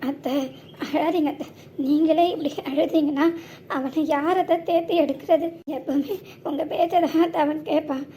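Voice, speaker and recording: A woman's voice: high voice, steady tone, normal speed, warm tone. A woman voicing an anxious mother in a cartoon, speaking in a pleading, tearful way. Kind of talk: cartoon voice acting.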